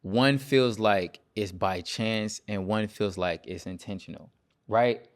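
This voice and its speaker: A man who is the guest in a casual studio podcast conversation, speaking deliberately and firmly as he presses his point. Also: on the low side.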